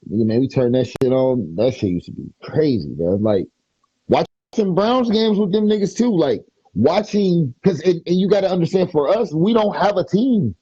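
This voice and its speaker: A man with a warm, husky voice talks in a relaxed podcast chat. He rambles through stories at an easy pace. The sound is dry and a bit lo-fi. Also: a little high, normal speed, no echo. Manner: laid-back, rambling storyteller. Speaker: podcast speaker. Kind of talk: casual chat.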